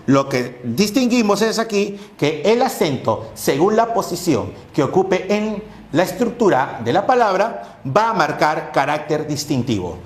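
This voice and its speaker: Methodical male lecturer in an echoey room. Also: a little high. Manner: methodical, recaps often with rhetorical questions. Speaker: language teacher. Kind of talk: exam-prep lecture.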